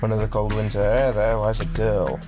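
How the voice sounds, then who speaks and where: Over background game music, a man with a lowish voice reads visual novel narration aloud dramatically for a let's play. He mixes in casual, jokey asides, keeping his intonation fairly even and his pace moderate.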